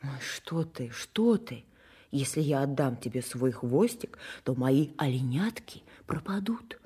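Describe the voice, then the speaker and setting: A woman voicing a gentle, anxious mother deer in an audio fairy tale, soft and breathy. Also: a bass voice, expressive, a little slow, heavily acted. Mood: anxious, tender.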